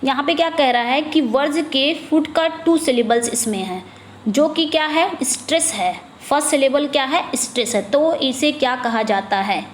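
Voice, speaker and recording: A woman with an Indian accent teaching an exam-prep English lesson. She asks her own questions and answers them, reads questions slowly and drops low on each answer. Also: roomy sound, a little hiss or hum.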